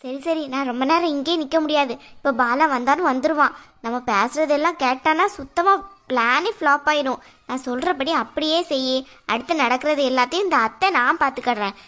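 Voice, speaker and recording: A woman's voice: high-pitched, brisk, a bit bright. A woman acting as a scheming aunt in a family drama, giving orders in a bossy, conspiratorial way. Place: indoors at home.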